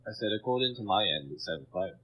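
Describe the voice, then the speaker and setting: A man on a muffled mic that sounds like he is speaking into a cup, giving dry, deadpan replies in casual chat on a voice call. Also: low voice, quick pace, husky.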